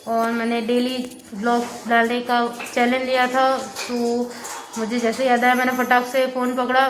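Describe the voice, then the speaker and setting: A young woman vlogging casually on a phone she holds, feeling unwell and low on energy, talking softly with a rambling flow and many fillers. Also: very echoey, background noise. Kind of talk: casual vlog chat. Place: room upstairs at home. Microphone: phone held in hand.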